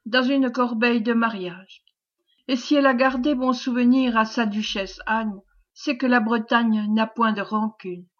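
A woman narrating a classic novel as an audiobook, measured and expressive. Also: on the high side, highs cut off. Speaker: audiobook reader.

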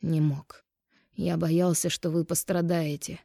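A woman reading an audiobook, voicing a remorseful middle-aged ex-husband who speaks low, quiet and slow. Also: flat delivery, gravelly, no echo, studio quality, exaggerated voice. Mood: pleading.

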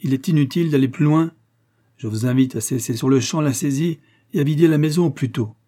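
An old village priest speaks with firm, commanding authority, as a man reading a storybook puts him on. The tone is mellow and dark. It carries a light husk. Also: mid-range voice, fairly quick, breathy edge, close to an everyday voice.

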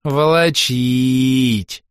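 A man's voice: mid-range voice, steady tone, drawn-out words, clear, resonant tone, no echo, clean studio sound. A man voicing a blunt, chatty young girl, the narrator's daughter, telling what she saw in a childlike way. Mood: cheeky.

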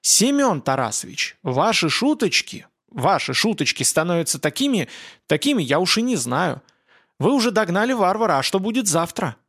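A man voicing an indignant, frightened young woman scientist in an audiobook, with trembling, shrill outbursts. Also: animated, fairly quick, creaky, few pauses.

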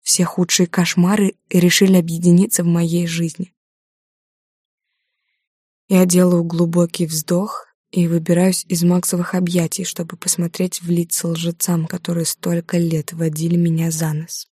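Young female audiobook narrator, dark, mellow, flat delivery, emotional storytelling. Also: fairly low pitch, normal speed, breathy edge, dry recording, clean studio sound. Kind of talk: first-person audiobook narration.

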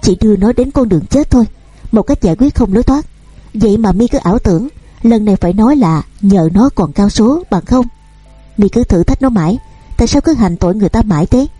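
A woman's voice: medium pitch, expressive, brisk, warm tone, breathy edge, no room sound, faint music behind. A woman reading the part of a stern, grieving older mother who scolds and pleads insistently. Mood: scolding.

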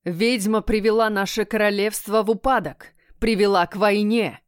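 A woman reading a stern, furious old king in an audiobook, speaking slowly and condemningly. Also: fairly even intonation, clear, resonant tone, dry recording, studio quality, close to an everyday voice. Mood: accusing. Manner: slow, booming, condemning. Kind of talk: audiobook character voice.

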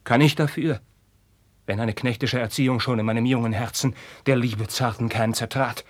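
An actor playing a tormented young prince in a classic German radio play, moving from hushed whispers to impassioned outbursts. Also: male voice, mid-range voice, flat delivery, fairly quick, no room sound, natural voice.

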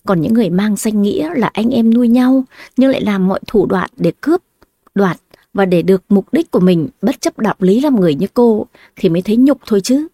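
A woman's voice: mid-range voice, lively intonation, fairly quick, warm tone, no echo, studio quality. Woman playing a cold, cutting young wife.

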